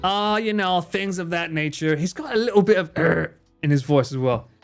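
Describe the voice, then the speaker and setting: This man's voice is high-pitched with lively intonation and vocal fry, moving at normal speed over soft background music. He's a streamer and cameraman chatting casually and theatrically with his live viewers, joking and swearing freely.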